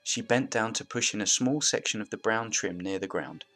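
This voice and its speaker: A man reading a story aloud as narrator in a steady, even manner, with faint music behind. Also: lowish voice, normal speed.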